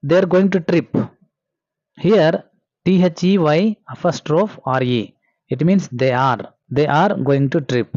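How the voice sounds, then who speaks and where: A man gives a lesson, talking slowly and deliberately and spelling words out letter by letter. His voice sits a little high for a man, and it is recorded dry and close with a dull, lo-fi sound. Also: darkish tone, no room sound. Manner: slow, careful explaining with spelled-out letters. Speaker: English teacher. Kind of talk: spoken English lesson.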